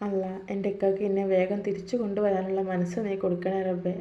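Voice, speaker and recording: A woman voicing a gentle young wife who speaks softly and pleadingly, in a dull lo-fi recording. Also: medium pitch, little pitch movement, fast talker, lightly acted. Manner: soft, pleading.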